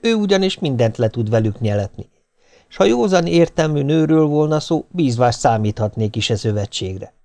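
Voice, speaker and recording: A man narrating an audiobook in a steady, mid-pitched voice. His reading has a dry, wry irony and an unhurried, storyteller's pacing. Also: creaky. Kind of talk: scripted narration.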